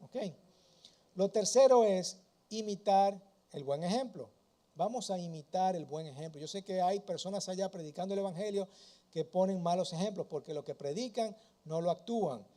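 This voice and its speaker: A man's voice: high voice, normal speed, warm tone. A man preaching a sermon as pastor, reading scripture with rising force and checking in with his listeners. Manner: emphatic preaching, rhetorical questions and "¿verdad?" tags.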